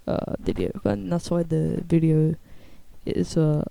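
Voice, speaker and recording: A woman's voice: level tone, unhurried, gravelly, warm tone, dry recording. A young woman in a casual, blunt, slangy ramble, her speech slightly lisped by the dental retainers she is wearing. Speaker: video creator. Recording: low-quality muffled microphone.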